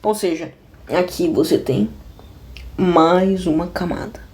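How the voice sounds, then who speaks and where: A woman's voice: on the low side, takes it slowly, darkish tone. Joking Brazilian woman teaching math. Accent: Brazilian Portuguese. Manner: slangy, joking, talks straight to viewers; restless, many restarts and asides. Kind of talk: casual video math lesson. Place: at a desk indoors.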